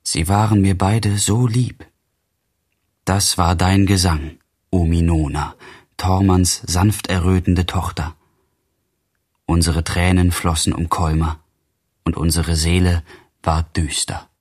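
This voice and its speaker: A man with a very deep, husky voice recites verse with solemn gravity. He lets every phrase stretch out slowly and mournfully, as in a literary radio reading. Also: fairly even intonation, a little mellow. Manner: slow, mournful, drawn-out delivery. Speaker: audiobook reader.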